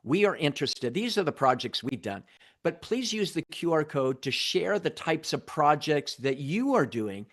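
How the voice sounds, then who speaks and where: A man's voice: fairly high pitch, very animated, moderate pace. A man co-presenting who politely interjects to relay audience comments and invite participation.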